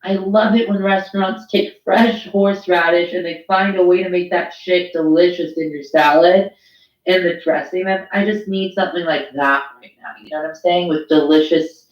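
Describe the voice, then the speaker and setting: A woman co-hosting a casual podcast, rambling and crude in animated banter. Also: fairly low pitch, moderate pace, lo-fi sound. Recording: roomy echo.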